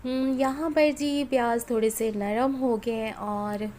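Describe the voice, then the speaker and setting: This home-recorded cooking voice-over comes from a woman in her thirties from Pakistan whose throat is sore and strained with flu. Fairly high-pitched, steady, unhurried and a little mellow, she addresses viewers directly in a chatty, homely way, with faint street and household noise behind her.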